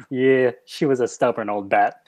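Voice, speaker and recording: Casual male tabletop player, medium pitch. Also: no echo. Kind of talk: casual in-game chat.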